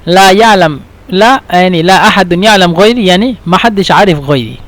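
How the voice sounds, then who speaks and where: Man, high voice, language teacher, patient and repetitive delivery. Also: a bit bright. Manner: repeats phrases slowly, then translates into Standard Arabic and English. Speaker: Arabic teacher. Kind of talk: language lesson.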